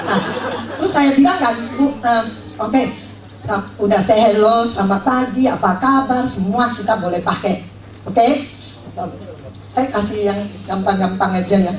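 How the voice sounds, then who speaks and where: A woman giving a joking, animated sales training talk to a room of agents, acting out little scenes as she goes. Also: mid-range voice, unhurried, far from the mic, slight background noise. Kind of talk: lively motivational sales talk. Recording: echoey room, voice from off-mic.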